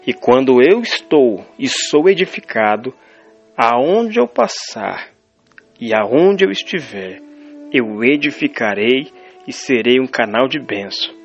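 A man's voice: medium pitch, lively intonation, slow, breathy edge. A man preaching a sermon, emphatic and repeating phrases for stress. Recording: dull lo-fi sound with faint music behind. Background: faint music.

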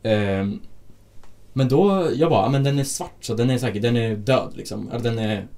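A man's voice: medium pitch, vocal fry. A man in casual chat, recounting work stories about hotel breakfast guests, acting out the quotes and swearing often. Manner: animated storytelling with acted-out quotes; frequent swearing.

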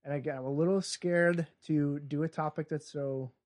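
A man's voice: on the high side, steady tone, moderate pace, darkish tone. A man co-hosting a podcast, chatting casually and joking wryly while he works through comedy bits. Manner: wry, joking, acts out bits. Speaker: podcast co-host.

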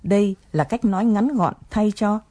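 A woman's voice: medium pitch, moderate pace, mellow. A woman presenting an English lesson, explaining phrases patiently and coaxing learners to repeat them.

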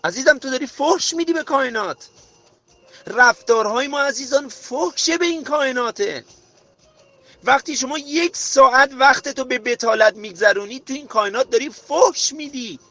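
A man hosting a motivational podcast, preaching emphatically to his listener and rising to near-shouts. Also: very high voice, soft background music. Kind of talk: motivational monologue.

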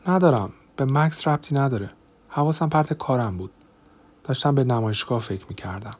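A man's voice: mid-range voice, breathy edge, natural voice. A man voicing a tense young woman who confronts her brother-in-law sharply in an audiobook. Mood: defensive. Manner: sharp and heated. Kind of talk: audiobook character voice.

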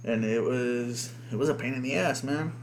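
A young American dad who grew up speaking Spanish first co-hosts a casual podcast chat, rambling loosely, cursing a lot, and leaning heavily on fillers. His voice is medium-pitched at normal speed, with a little hiss or hum in the audio.

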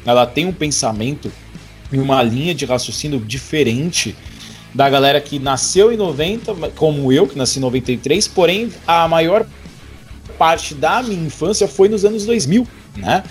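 A man in his twenties hosts a casual podcast and rambles through his points with plenty of restarts. His voice sits a little high, and soft music plays faintly behind him. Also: animated, normal speed. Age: 20s. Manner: jokey, laughing, rambling with restarts. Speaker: podcast host.

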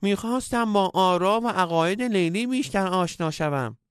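A man's voice: high-pitched, expressive, smooth, dry recording, clean studio sound, voice pushed up. A man voicing a timid, lovesick young man in a comic story, speaking meekly and pleading. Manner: meek, pleading.

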